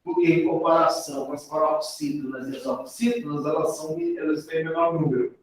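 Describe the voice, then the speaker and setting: Heard from a distance in a very echoey room, this Brazilian-accented man walks through an exam grammar lesson step by step, frequently tacking on tag questions. His voice is on the high side, and his delivery is brisk.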